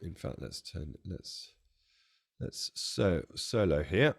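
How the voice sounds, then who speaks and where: Low-voiced man with a strained, failing voice. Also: very animated, slow pace, creaky, slightly rough, soft background music. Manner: chatty, self-deprecating, jokey asides. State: strained, nearly losing his voice. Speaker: music software demonstrator. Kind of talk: casual product walkthrough.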